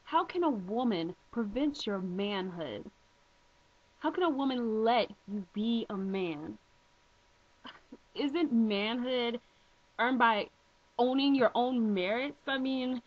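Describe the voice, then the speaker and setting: A woman's voice: on the high side, breathy edge. A woman vlogging a direct-to-camera response, blunt and emphatic, posing pointed rhetorical questions. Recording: dull lo-fi home video audio.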